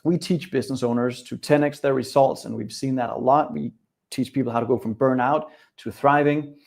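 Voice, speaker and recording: A middle-aged Danish coach with a Danish accent runs a live webinar, speaking upbeat and direct to his viewers and their chat. His voice is of ordinary pitch for a man, steady in tone, fairly quick and creaky.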